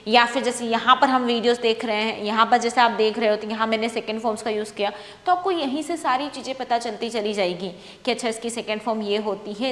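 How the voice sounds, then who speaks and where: A woman teacher patiently explaining English sentences in Hindi, repeating each example slowly. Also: sits high, fairly bright tone. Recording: echoey room with long reverb.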